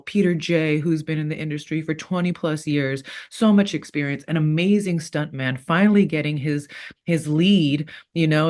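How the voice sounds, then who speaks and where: A woman in her thirties, a former fighter turned actor, talking casually in an interview and rambling with frequent laughs. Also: low voice. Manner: chatty, rambling, laughs often.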